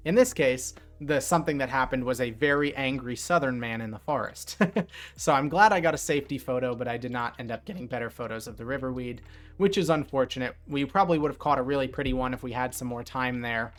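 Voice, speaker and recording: A man's voice: mid-range voice, fast talker, faint music behind. Chatty man telling a fishing story. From New Jersey. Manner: chatty, animated retelling with fillers. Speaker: streamer. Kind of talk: casual storytelling.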